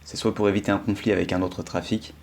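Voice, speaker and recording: A man's voice: lowish voice, flat delivery, fast talker, creaky, a little mellow. A man narrating a flight as its pilot, in an explanatory voice-over. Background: music.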